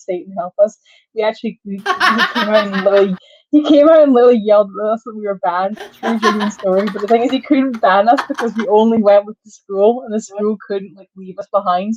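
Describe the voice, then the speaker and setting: Woman tabletop player, animated, swearing, medium pitch, dry dull recording. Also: no echo. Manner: animated, swearing, laughing storyteller.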